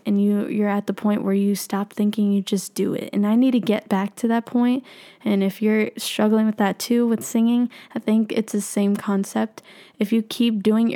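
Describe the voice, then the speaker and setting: Young woman talking with braces, soft mellow tone. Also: medium pitch. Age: young adult. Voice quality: talking with freshly tightened braces. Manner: candid, self-reflective. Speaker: podcast host. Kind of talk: casual confessional solo podcast talk.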